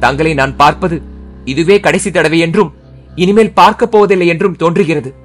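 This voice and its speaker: Weeping princess in a storybook, fearful, soft and low, read by a man, husky. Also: a little fast, soft background music, lightly acted. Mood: sorrowful. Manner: pleading, sorrowful. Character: young grieving princess, fearful and tearful.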